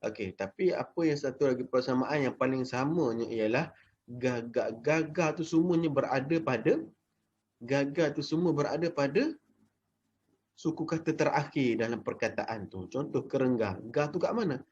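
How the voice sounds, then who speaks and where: A young man with a Malaysian Malay accent teaching a casual Jawi lesson to children, chatty and full of fillers, sounding out syllables slowly. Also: medium pitch, darkish tone, breathy edge, highs cut off.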